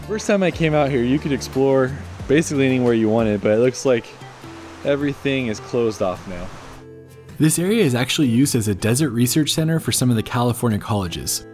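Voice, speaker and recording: A man in his thirties talks through a travel vlog in an upbeat, informative way, laughing easily as he goes. He films himself outdoors with the camera held out at arm's length, and soft music plays quietly behind him. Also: mid-range voice, expressive, fairly quick. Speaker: travel vlogger. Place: outdoors in the desert, on foot.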